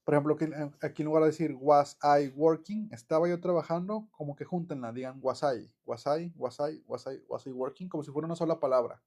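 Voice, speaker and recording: A man giving a casual online English grammar lesson, chatty and relaxed, with many fillers and self-corrections. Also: fairly high pitch, fast, hardly any pauses. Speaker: English teacher.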